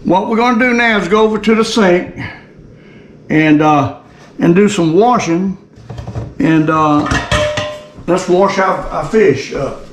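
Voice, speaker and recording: Folksy older Southern man, higher-pitched voice. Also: slow pace, pauses often, slight background noise. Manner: folksy old fisherman, repeats phrases. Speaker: cooking and fishing video host. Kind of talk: casual how-to chat.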